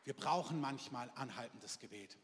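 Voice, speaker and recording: A man's voice: mid-range voice, moderate pace, very noisy. A man preaching in a casual, storytelling way, often asking the congregation questions. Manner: conversational storytelling, asks audience questions. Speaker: pastor. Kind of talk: sermon. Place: church hall. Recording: long hall reverb.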